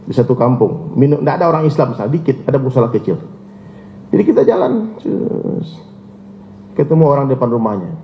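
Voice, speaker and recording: A man preaching a sermon, telling stories and acting out the voices of people in them. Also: slight background noise. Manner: storytelling, acts out dialogue with shifting pitch. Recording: echoey, muffled lecture recording.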